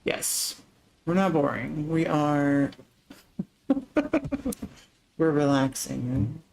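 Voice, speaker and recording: Soft-spoken male streamer with a raised voice and gravelly edge, unhurried, chatting to viewers as he builds. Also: on the high side, fairly even intonation, slight background noise, rough recording. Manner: talks through building steps to viewers. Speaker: livestream host. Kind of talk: relaxed gaming livestream chat.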